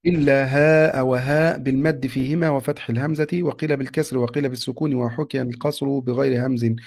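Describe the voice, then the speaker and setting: Man, student reader, formal classical recitation, steady and respectful, middle pitch. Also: quick pace. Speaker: student reading a text to his teacher. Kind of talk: formal reading aloud of a classical text.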